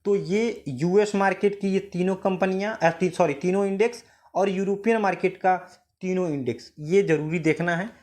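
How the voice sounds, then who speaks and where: A man's voice: high voice, normal speed, darkish tone. A man teaching a screen-share tutorial, explaining step by step with frequent fillers, self-corrections and repeated reminders. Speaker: stock market educator.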